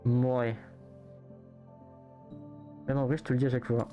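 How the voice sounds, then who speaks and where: A man streaming live, chatting casually and protesting in fast, repetitive banter. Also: mid-range voice, little pitch movement, highs cut off, soft background music.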